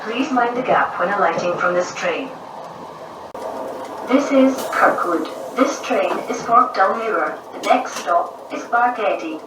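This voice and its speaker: A woman giving measured, formal station announcements over a train's intercom. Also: medium pitch, lively intonation, background noise. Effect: played over the train's intercom. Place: inside a moving train carriage. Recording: echoey onboard speaker heard from a distance.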